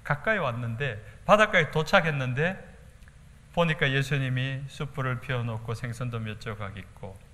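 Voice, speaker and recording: Daegu pastor guy w/ gyeongsang accent preaching, bright voice, big church reverb. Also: mid-range voice, moderate pace. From Daegu, South Korea. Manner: animated preaching with acted-out quotes. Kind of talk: sermon. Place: church sanctuary.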